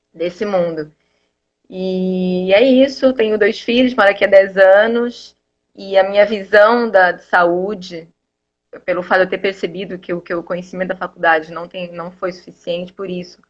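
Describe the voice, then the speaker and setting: A woman's voice: medium pitch, fairly even intonation, moderate pace, lo-fi sound. A woman raised in Angola, a nutritionist guest in a live video interview, explaining her work while thinking aloud. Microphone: earphone mic.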